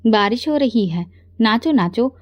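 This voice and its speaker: A woman reads a troubled young husband with a childlike, pleading manner, in a pitch on the higher side. The sound is dry and close, with no room around it. It is a narrated storybook figure, told softly. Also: lively intonation, a little slow, dry recording.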